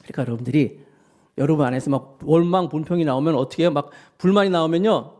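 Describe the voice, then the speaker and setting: A male pastor giving a lively sermon, acting out grumbling voices and asking his congregation questions. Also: a little high, quick pace.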